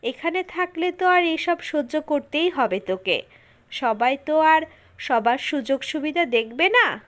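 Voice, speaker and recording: A woman voicing a sharp-tongued young woman student. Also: sits high, expressive, a little slow, pitched above the performer's own voice. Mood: teasing, scolding. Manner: scolding, indignant.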